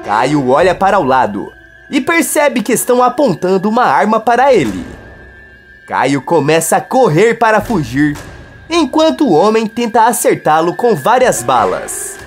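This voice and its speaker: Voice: mid-range voice, wildly swooping pitch, moderate pace. A narrator telling a soap-opera recap as scripted, dramatic storytelling, with faint music behind.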